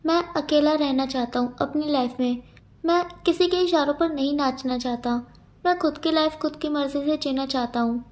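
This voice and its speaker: A woman's voice: high voice, moderate pace, lightly acted. A woman doing a stubborn, dismissive young man. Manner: curt, dismissive.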